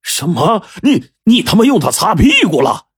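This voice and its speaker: A man's voice: low voice, expressive, unhurried, breathy edge, no room sound, studio quality, heavily acted. A man voicing a ruthless, hot-tempered male gang boss who swears and threatens. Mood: furious. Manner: swearing, menacing, bursts of shouting.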